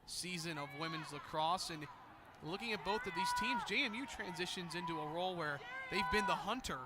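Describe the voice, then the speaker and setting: An American play-by-play announcer calls a game live, his voice high-pitched and brisk. The outdoor ambience of the game comes through clearly behind him as stadium noise.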